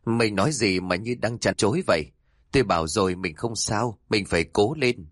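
A man voicing a desperate, quick-tempered old man who pleads and shouts in a strained, raised voice. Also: fairly low pitch, no echo, studio quality, lightly acted. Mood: tender, choked.

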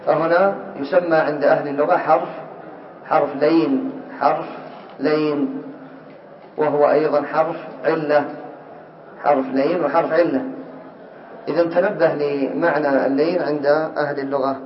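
A man's voice: on the high side, steady tone, slight background noise. Distant echoey male teacher, muffled. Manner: questions students by name, repeats examples slowly. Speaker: teacher of Arabic morphology. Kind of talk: classroom lesson.

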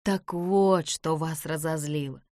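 A woman's voice: mid-range voice, lively intonation, normal speed, darkish tone, no echo, studio quality, close to an everyday voice. A woman voicing a brave young girl detective. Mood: coaxing. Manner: urgent, pleading.

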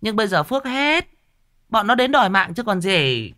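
A man voicing a shrill, bossy middle-aged female village medium who talks down to people. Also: big pitch swings, moderate pace, pushed and bright, no room sound, studio quality, exaggerated voice. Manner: brusque, scolding, self-important.

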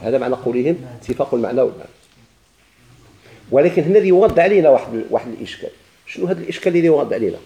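A man's voice: mid-range voice, lively intonation, very fast, creaky, dark tone, roomy sound, lo-fi sound. A man with a Moroccan Arabic accent teaching a grammar lesson, asking questions and answering them himself with repeated examples.

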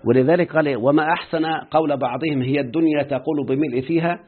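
A man with an Egyptian accent gives a quick classroom grammar lesson, repeatedly asking his students whether they understand. His voice is husky and breathy, and it comes through a narrow, phone-like recording. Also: a little high, steady tone. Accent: Egyptian Arabic. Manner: quizzes students often with rhetorical questions. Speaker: Arabic grammar teacher. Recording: muffled phone-like lo-fi audio.

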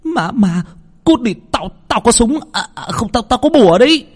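A man's voice: very high-pitched, very animated, moderate pace, husky, voice pushed up, heavily acted. Man doing a panicky cowardly young guy, shrieking, stammering, spoken horror story. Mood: terrified.

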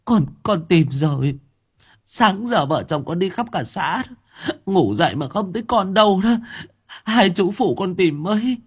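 A distraught young village woman cries out in a high, wailing voice, begging for help between sobs, as a male narrator puts her on. Her words come choked and pleading, and the voice is a little husky. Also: expressive, unhurried, heavily acted. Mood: sobbing, pleading. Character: distraught young village woman, market vegetable seller, sobbing.

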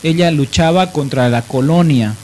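A radio talk host with a fairly high voice speaks at normal speed in a live discussion, teaching as he explains and repeating phrases for emphasis. The live radio audio is noisy, with a steady hiss throughout.

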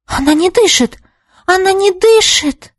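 A woman voicing an excitable, nervous teenage girl in a storybook reading, speaking shrill and alarmed. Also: moderate pace, dry recording, clean studio sound. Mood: frightened. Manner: shrill, alarmed and easily offended.

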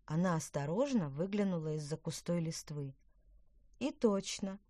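Woman reading a kids' storybook, lowish, swoops a lot, super dry no room. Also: expressive, moderate pace, warm tone, no echo. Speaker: audiobook narrator. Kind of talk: scripted storybook narration.

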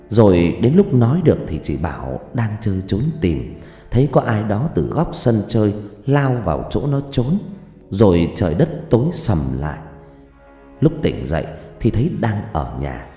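Dark-voiced man telling a ghost story. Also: on the low side, big pitch swings. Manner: slow, dramatic, hushed on suspense. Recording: roomy reverb, faint music behind.

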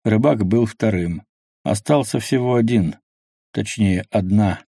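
A man narrating a dark audiobook in a steady, measured reading. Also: on the low side, slightly rough, dry recording, studio quality.

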